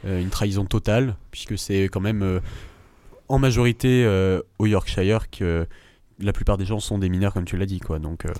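Un jeune homme anime une émission de radio d'une voix plutôt basse, sans réverbération, en cherchant souvent ses mots. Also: male voice, fairly even intonation, normal speed, mellow, no echo. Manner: hesitant, many fillers. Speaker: co-host. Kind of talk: radio show presentation.

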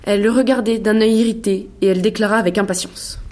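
A woman giving a measured, scripted narration of a classic story. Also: mid-range voice, fairly even intonation, a little mellow.

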